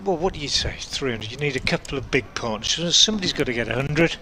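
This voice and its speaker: A man working as a cricket commentator, calling play ball by ball in a measured way with pauses mid-sentence. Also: mid-range voice, lively intonation, bright, forceful tone. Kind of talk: live cricket commentary with unhurried ball-by-ball description. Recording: outdoor ambient noise behind voice.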